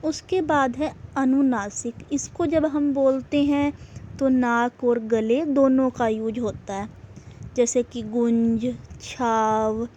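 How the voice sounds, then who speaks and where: A high-pitched woman teaching a class, speaking slowly and deliberately. She poses questions to her pupils and then answers them herself. A faint hum of noise sits behind her voice. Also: darkish tone. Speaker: school teacher. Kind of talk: classroom grammar lesson.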